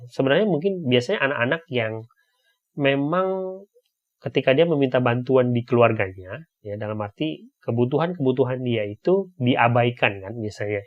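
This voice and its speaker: Give me a man with an ordinary pitch giving a relaxed, chatty explanation, recorded a little muffled. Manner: conversational, frequent tag questions. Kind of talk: casual explanatory talk.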